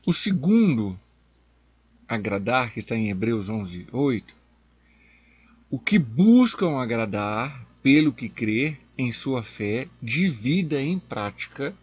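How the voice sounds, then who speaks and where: A deacon delivers a Bible lesson in a slow, deliberate way, his voice a little husky. He leans hard on key words and lifts his voice sharply on them. The recording sounds dull and lo-fi. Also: mid-range voice, very animated. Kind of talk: Bible teaching.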